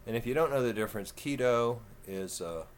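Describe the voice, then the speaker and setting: A man in his fifties with a Texan southern twang, talking slow and folksy in a rambling, casual vlog. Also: medium pitch, lively intonation, slight background noise. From Texas. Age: 50s. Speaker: vlogger.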